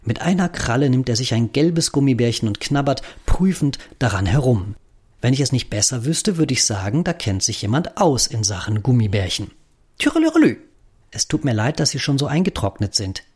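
A man reading a children's story in the first person, gentle and playful. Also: medium pitch, slightly rough. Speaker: narrator. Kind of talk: storybook narration.

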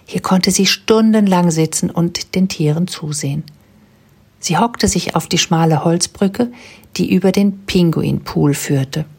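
Low, husky woman reading a storybook. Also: unhurried, darkish tone. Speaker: narrator. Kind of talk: scripted storybook narration.

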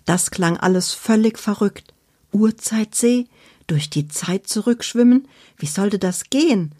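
A woman reading a children's book aloud in a deliberate storytelling manner. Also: mid-range voice, dark tone, no echo, clean studio sound.

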